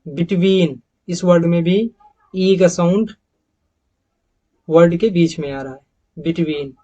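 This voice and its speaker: A man teaching English pronunciation over slides, repeating each example word slowly and calling his viewers friends. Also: high voice, mellow, highs cut off. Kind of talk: slide-based pronunciation lesson.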